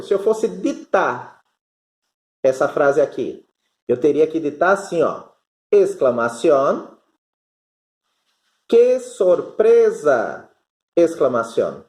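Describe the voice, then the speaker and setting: Northeastern Brazilian teacher, patient class explainer, lively sing-song, slow delivery, roomy echo. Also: mid-range voice. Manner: explains patiently, stretching out Spanish terms. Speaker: Spanish teacher.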